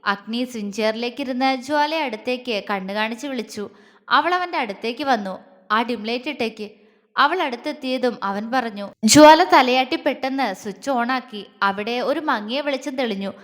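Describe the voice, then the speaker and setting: Woman storyteller, high voice, steady expressive reading, long reverb on the recording. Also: normal speed. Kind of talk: scripted story narration.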